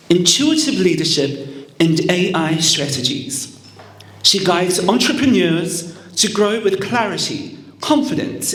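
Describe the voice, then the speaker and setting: A man working as an event MC, reading formal scripted introductions in a measured way. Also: high voice. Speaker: event MC introducing pageant judges. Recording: roomy, echoing venue sound.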